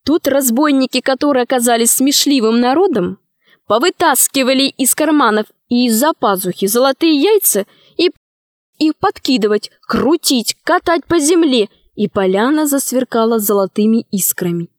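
A woman narrating an audiobook in a clear, lively reading. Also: high voice, normal speed, no room sound, clean studio sound.

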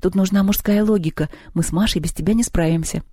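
A storyteller voicing a clever schoolgirl who gently coaxes and flatters a boy into helping. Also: medium pitch, quick pace, husky, no room sound, pitched above the performer's own voice, lightly acted. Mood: coaxing. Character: clever pleading schoolgirl, coaxing.

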